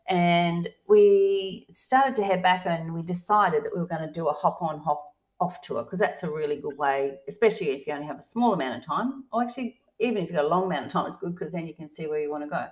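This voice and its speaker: Low-voiced woman, rambling chat. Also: quick pace, few pauses, poor audio. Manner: rambling, lots of fillers and restarts. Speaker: podcast co-host. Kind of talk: casual travel chat.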